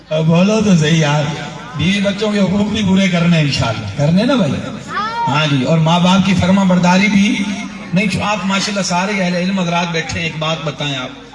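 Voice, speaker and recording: A man preaching a fiery devotional sermon, rousing the crowd to chant back. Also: high-pitched. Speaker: preacher at a shrine gathering. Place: large gathering at a shrine. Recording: echoey hall, far from mic, crowd.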